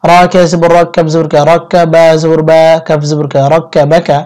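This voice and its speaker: A man with a fairly high voice teaches Quran reading, steadily and methodically spelling out letters and vowel marks. He then recites each phrase slowly and melodically.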